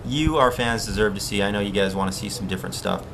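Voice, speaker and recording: A man from Hawaii hosts a casual surf live stream, chatting and answering viewers' questions in a relaxed way. His voice sits low. A faint outdoor ambience runs under it. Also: quick pace, creaky, a little hiss or hum.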